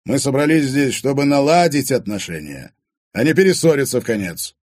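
A man voicing a stern, gruff father who barks orders at his family. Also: medium pitch, animated, fairly quick, darkish tone, dry recording, studio quality, voice pushed up, natural voice. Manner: stern, barking.

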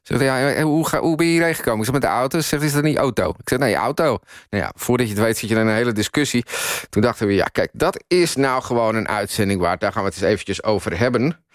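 A man's voice: medium pitch, fast talker, dry recording. A man hosting a live radio show from a studio, rambling and self-mocking in casual banter. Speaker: radio host. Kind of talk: joking live radio chat.

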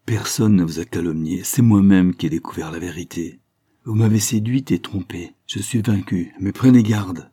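A man voicing a proud, fierce young woman warrior who speaks with loud scorn. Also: low voice, level tone, brisk, hardly any pauses, breathy edge. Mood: scornful, fierce.

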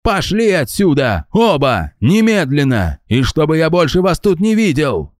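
A man's voice: a little high, very animated, measured pace, no room sound, clean studio sound, pitched above the performer's own voice. A man voicing an angry middle-aged official barking at two intruders in an audiobook. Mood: furious. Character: furious middle-aged male official, yelling.

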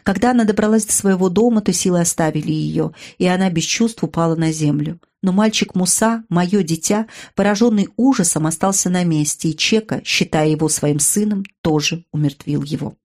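A woman's voice: fairly low pitch, brisk, hardly any pauses, darkish tone. A woman narrating a dramatic audiobook, raising her voice for the characters' cries.

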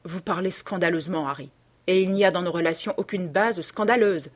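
The duchess banters and teases with aristocratic poise, as a woman reading the novel voices her. The voice carries a soft huskiness and a slightly low pitch. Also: fairly quick, lightly acted. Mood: bantering. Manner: bantering, teasing. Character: teasing aristocratic duchess, playful and reproachful.

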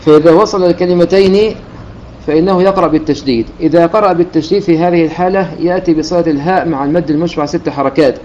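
A man in a dull, lo-fi recording with a faint hiss underneath teaches the rules of Quran recitation. His voice sits a little high and sounds mellow and dark. He talks quickly and methodically, stopping to recite verses as examples. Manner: methodical, explains step by step and quotes verses in chanted recitation. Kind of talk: religious lesson explaining recitation rules.

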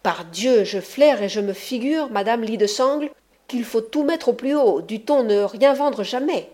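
A woman's voice: a little high, lively intonation, measured pace, dark tone. A woman reading an audiobook, voicing a proud, hot-tempered male ruffian who boasts and threatens. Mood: blustering.

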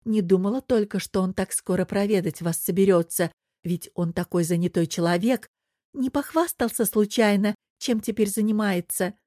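A tired, guarded middle-aged woman, as the narrator reads her, polite but holding back. Her voice stays measured and mid-pitched. The reading is dry and close. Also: dark tone, no room sound, natural voice.

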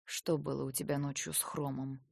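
A woman voicing a stern, menacing young man who questions a captive in low, insistent tones. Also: steady tone, moderate pace, gravelly, darkish tone, no room sound, studio quality. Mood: quiet menace. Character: stern, menacing young male otherworldly captor.

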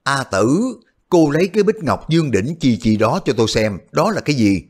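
A shrewd, bold warrior hero from a martial-arts storybook, as a man plays him, toying with his rivals in a wry, easy tone. His husky voice rises a little and moves in lively swings. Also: medium pitch, moderate pace, pitched above the performer's own voice. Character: bold, shrewd heroic male warrior, calm and amused.

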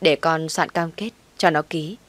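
Coldly calm wronged wife , read by a woman, low voice, dry sound. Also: a little slow, no room sound. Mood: cold, firm. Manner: calm and firm.

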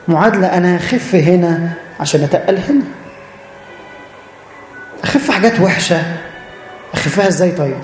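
A man's voice: high voice, a little mellow, echoey room. A man with an Egyptian Arabic accent preaching a church sermon, earnest and direct, repeating phrases for emphasis.

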